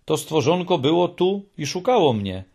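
A man's voice: fairly high pitch, very animated, moderate pace, vocal fry, darkish tone, slightly rough, voice pushed up, heavily acted. A man voicing a kindly, clumsy male creature in a mild, musing tone, in an audiobook reading.

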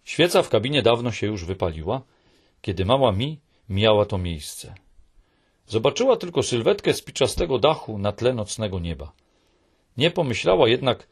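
A man narrating a children's storybook aloud, with expressive delivery that lingers on soft phrases. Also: lowish voice, husky. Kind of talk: audiobook narration.

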